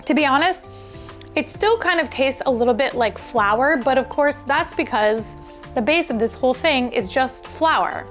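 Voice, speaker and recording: In an indoor kitchen, a woman hosts a cooking show, chatting and exclaiming as she cooks and tastes in casual food-vlog style. Her voice is high-pitched with lively intonation at a normal speed. Soft music plays in the background.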